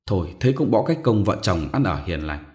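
A man narrating a story in an expressive, dramatic reading style. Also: low-pitched, fairly quick. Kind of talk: scripted narration.

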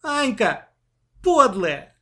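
Man playing a timid little girl, tearful, pleading, high and lifted, storybook voice. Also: expressive, unhurried. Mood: relieved. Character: frightened gentle young girl.

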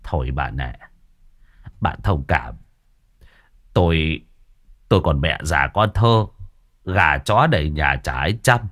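A man's voice: rumbling low, expressive, slow pace, pauses often, a bit bright, no room sound, clean studio sound, voice pushed down, full character voice. A man voicing a timid young craftsman who talks hesitantly and apologetically. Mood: apologetic. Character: timid young craftsman, reluctant and self-excusing.

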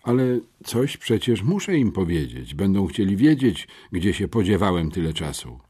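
A man's voice: low-pitched, big pitch swings, normal speed, warm tone, breathy edge, pitched above the performer's own voice, full character voice. A man voicing a pampered teenage schoolboy sports champion, anxious and pleading.

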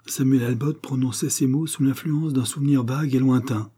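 A man narrating an audiobook in a steady, measured reading voice. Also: mid-range voice, husky. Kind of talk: scripted narration.

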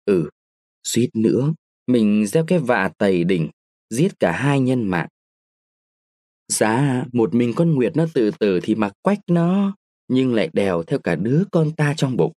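A man doing a smooth-talking evasive young man. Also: medium pitch, big pitch swings, measured pace, dark tone, dry recording, clean studio sound. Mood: musing. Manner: soothing, coaxing.

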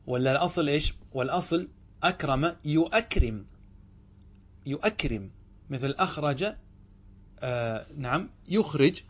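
A sheikh teaching a grammar lesson, reading a classical text, asking his class questions and answering them himself. He slows down to stretch out each example word and says it again. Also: a little high, animated. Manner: drawls example words slowly and repeats them.

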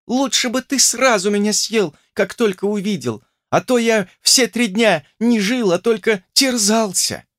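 A man's voice: high voice, measured pace, few pauses, fairly bright tone, dry recording, clean studio sound, voice pushed up. A man reading an audiobook voices a frightened little hare in a fairy tale, pleading tearfully for its life.

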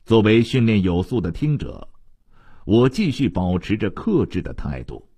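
A man reading a literary novel aloud as an audiobook narrator, in a measured, expressive storytelling manner. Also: on the low side, slightly rough, no echo.

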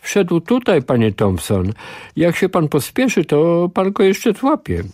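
A man voicing an eager young child excitedly telling where someone went. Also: fairly high pitch, unhurried, dry recording, voice pushed up, full character voice. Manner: excited, tattling.

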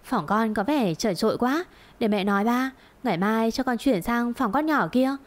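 A woman's voice: fairly high pitch, animated, normal speed, close to an everyday voice. Woman doing a sneering scheming mistress. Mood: smug. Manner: sneering, fawning. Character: scheming middle-aged mistress, spiteful and coy.

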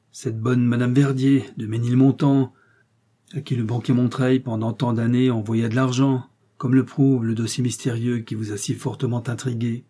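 A man voicing a rough, defiant male master criminal with a coarse, jeering way of talking, in an audiobook reading. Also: medium pitch, dark tone, natural voice. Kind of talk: audiobook character voice.

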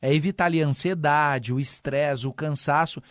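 A Brazilian man with a notably high voice sells in a chatty radio infomercial style. He talks as if to a co-host, recorded very dry. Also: steady tone, normal speed, no room sound. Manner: salesman-like, addresses co-host often. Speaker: supplement pitchman. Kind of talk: live radio infomercial pitch in conversation.

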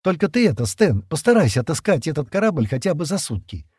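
A man voicing an excitable, quarrelsome young woman who speaks in a shrill, insistent way. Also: quick pace, slightly rough, dry recording, clean studio sound. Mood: sarcastic.

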